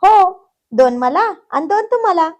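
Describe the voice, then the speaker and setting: A woman's voice: extremely high pitch, lively intonation, a little slow, voice pushed up. A woman voicing a stubborn, clingy young woman who whines and pleads in a childish sing-song. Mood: pleading.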